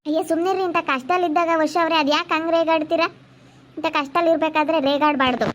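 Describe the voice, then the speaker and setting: A woman playing a calm relative who tries to soothe an angry husband. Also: extremely high pitch, racing. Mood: soothing. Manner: soothing, placating. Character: calm female relative, peacemaker at hospital. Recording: dull, slightly noisy recording.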